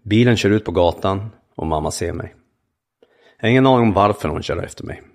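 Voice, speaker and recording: Male memoir narrator, very low, gravelly, calm and measured. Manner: calm, measured storytelling in short sentences. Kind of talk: first-person memoir reading.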